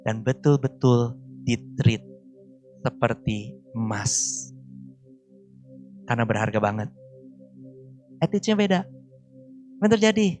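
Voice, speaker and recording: A man in his forties preaching a sermon, telling personal stories in a lively voice that swings between loud and soft. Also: medium pitch, measured pace, pauses often, faint music behind. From Indonesia. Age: 40s. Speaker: pastor. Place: church service.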